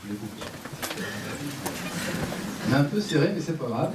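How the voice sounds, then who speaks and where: Male conference presenter, slightly high voice, upbeat, directs the crowd; roomy, distant hall sound. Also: a little slow, very noisy. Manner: lively, directs the audience through exercises with light jokes. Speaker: conference speaker. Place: conference hall with a seated audience. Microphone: headset microphone.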